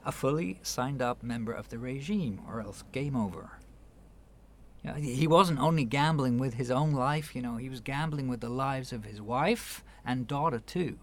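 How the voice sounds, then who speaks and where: Medium in pitch and a little slow, this lightly acted male voice belongs to a radio play performer. His character is an earnest, patient man who speaks hesitantly with small stammers as he explains and gently persuades a younger relative, in a naturalistic style.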